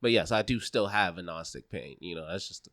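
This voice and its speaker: A man's voice: low voice, a little fast, fairly bright tone, no echo, clean studio sound. A man co-hosting a podcast, telling stories in a loose, slangy casual chat and throwing in sound effects. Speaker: podcast co-host.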